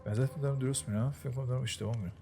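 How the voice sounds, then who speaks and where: A man giving casual, excitable gameplay commentary, often dropping to a whisper while sneaking through the game. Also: medium pitch, creaky. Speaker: gaming channel host. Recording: game music playing behind the voice.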